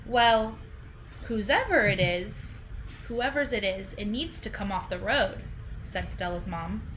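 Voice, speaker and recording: At a slow pace, her medium-pitched, fairly bright voice rises and falls lively as this teacher in her thirties reads to young children. She's indoors at home, questioning and explaining simply, on a home video call with clear background noise.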